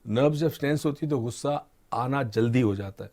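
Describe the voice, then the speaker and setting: A middle-aged man talks through his ideas like a patient teacher, setting out each step plainly for a listener. His voice sits at an ordinary middle pitch. He drops English words into his sentences as he explains. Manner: calm teaching tone, mixes English terms into Urdu. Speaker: expert guest on motivation and mind training. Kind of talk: explanatory discussion.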